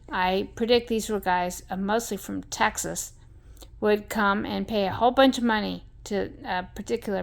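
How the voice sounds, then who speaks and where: A woman's voice: mid-range voice, creaky. A woman telling a rambling story in a blunt, salty way, full of fillers and asides. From American West.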